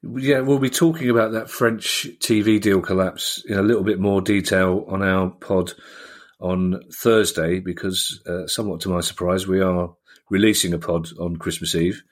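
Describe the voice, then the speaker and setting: A man hosting a podcast, chatting and bantering in a jokey, relaxed way. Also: deep voice, moderate pace. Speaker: podcast host. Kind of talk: casual podcast chat.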